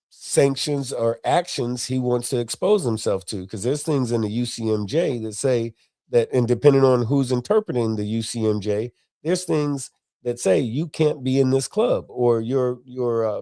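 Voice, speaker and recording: A man from Florida talks in a blunt, folksy way, pressing his points hard. His voice is mellow and dark. It sounds dry and close, with no room around it. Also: mid-range voice, dry recording. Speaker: podcast co-host. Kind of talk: casual podcast chat.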